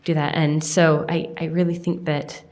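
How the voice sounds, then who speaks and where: A woman with a Utah accent speaks up at a council meeting in a low, flat voice. She is earnest and rambling, with plenty of ums. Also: normal speed. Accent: Utah English. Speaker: resident giving public comment. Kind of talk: public comment at a council meeting.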